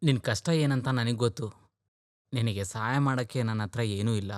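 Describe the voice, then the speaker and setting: A man's voice: medium pitch, moderate pace, darkish tone, no echo, clean studio sound, natural voice. A man dubbing an earnest, caring older brother. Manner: earnest, reasoning, coaxing. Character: worried older brother, stern yet caring. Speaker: film character in a dub. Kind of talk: dubbed film acting.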